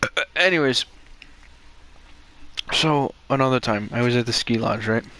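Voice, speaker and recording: A young man hosting a podcast, telling a story in casual chat with lots of swearing and shouted reenactments. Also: medium pitch, a little slow. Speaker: podcast host.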